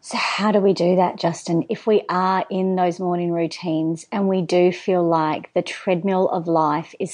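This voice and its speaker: A woman's voice: on the low side, a little mellow. A woman hosting a podcast interview who asks questions and murmurs along while her guest talks. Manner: attentive, gives brief listening murmurs. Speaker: podcast host.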